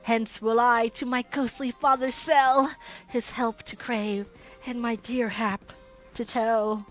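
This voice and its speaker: A woman playing a lovestruck, dreamy young man in a theatrical Shakespeare reading, speaking in a measured, yearning manner. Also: a little high, fairly even intonation, soft background music. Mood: tender.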